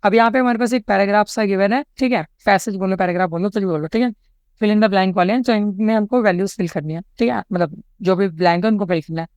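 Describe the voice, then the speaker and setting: An Indian woman tutors through past exam questions one by one, stopping after nearly every point to check in. Her voice is smooth and clear. It sounds dry and close, with almost no room around it. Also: medium pitch, darkish tone, no room sound, muffled recording. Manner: says "theek hai" and "chalo" after nearly every step; reads English question lines slowly and deliberately. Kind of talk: explaining exam questions step by step.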